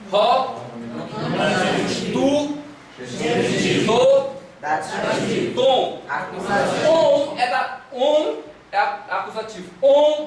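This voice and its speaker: A man with a Brazilian Portuguese accent teaching a Greek class, drilling students with repeated syllables and coaxing questions. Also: very high voice. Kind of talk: classroom lecture. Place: classroom with echo. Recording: echoey room, distant mic, faint hiss.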